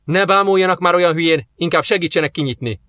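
A man voicing a gruff, impatient male Russian officer who barks orders and mocks. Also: on the high side, fairly bright tone, no room sound, voice pushed up, natural voice. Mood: irritated. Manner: barking, impatient, sarcastic.

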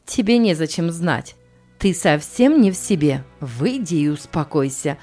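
A woman's voice: sits low, lively intonation, measured pace, darkish tone, soft background music. A woman reading an audiobook, voicing a cold and composed domineering woman who speaks curtly. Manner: cold and curt.

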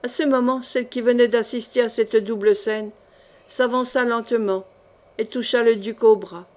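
A woman reads a historical novel aloud in a measured, expressive way. Her voice sits a little high, and the delivery is steady scripted audiobook narration. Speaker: audiobook reader.

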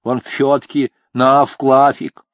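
A man's voice: medium pitch, level tone, takes it slowly, no echo, close to an everyday voice. A man voicing a decrepit, drowsy old male ruler who lisps and mumbles with a slurred, toothless tongue. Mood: mumbling. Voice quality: lisping, mumbling slurred speech.

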